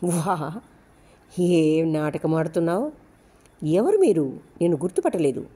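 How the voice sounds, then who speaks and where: A woman's voice: deep voice, lively intonation, unhurried, dark tone, breathy edge, heavily acted. A woman voicing a blinded male police officer who insists and pleads under threat. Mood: indignant.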